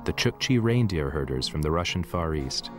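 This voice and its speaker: A man presenting and narrating a documentary in a measured, earnest way. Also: very deep voice, lively intonation. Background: music.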